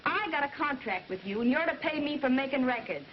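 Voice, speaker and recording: A woman's voice: high voice, expressive, a little fast, slight background noise. An actress playing a vain, scheming young woman singer with a Southern American accent, in a 1940s film. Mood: indignant. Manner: indignant, theatrical. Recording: dull 1940s film soundtrack.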